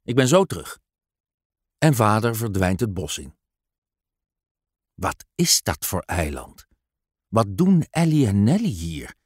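A man narrating a children's story aloud in a slow, expressive storytelling manner. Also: fairly low pitch, husky, no room sound, studio quality.

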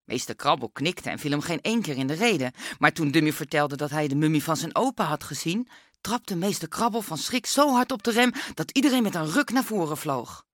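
A woman narrating a children's story in a lively, expressive way. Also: low voice, fairly quick, no room sound, studio quality. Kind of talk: children's book reading.

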